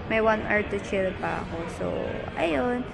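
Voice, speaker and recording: Chatty Filipino woman, husky voice, airport noise. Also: medium pitch, measured pace. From Philippines. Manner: chatty, excitable, mixes English into Tagalog. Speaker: travel vlogger. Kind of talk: casual travel vlog. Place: airports, in and out of doors. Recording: loud airport and traffic noise.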